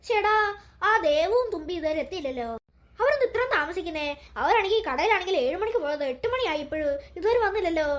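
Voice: very high voice, expressive, fast talker, fairly bright tone. A voice actor playing an older brother in a cartoon, chatting and reassuring his little sister. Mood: wondering. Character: older brother, boy waiting at home.

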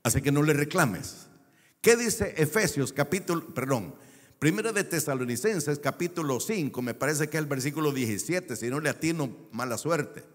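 A man's voice: fairly high pitch, lively intonation, normal speed, long reverb tail. A man preaching a sermon as a pastor, stretching key words for emphasis and telling a personal story. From El Salvador.

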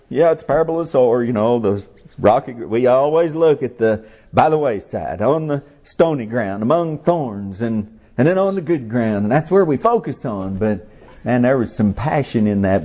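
Impassioned folksy preacher man. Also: mid-range voice. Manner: impassioned, rises to loud cries on key words; plain-spoken rural phrasing. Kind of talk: folksy sermon.

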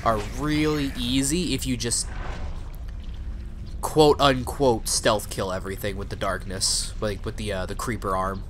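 A man's voice: fairly low pitch, fairly even intonation, unhurried. A man giving casual let's play commentary, tossing sarcastic asides at the game. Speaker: gamer, let's player. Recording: clearly noisy, game ambience behind.

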